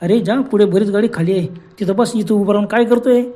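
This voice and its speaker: A man's voice: sits high, fast talker, dark tone, natural voice. A man voicing a blunt young man on a train who scolds a stranger sharply in a horror story. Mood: scolding.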